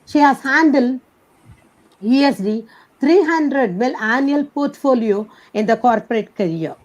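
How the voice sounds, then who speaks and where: A woman's voice: high-pitched, animated, a little slow, low-quality recording. A woman hosting an online program, reading a guest's bio and giving participants instructions. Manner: reads a prepared bio, then gives instructions. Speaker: program host introducing speaker. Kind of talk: formal introduction and announcements.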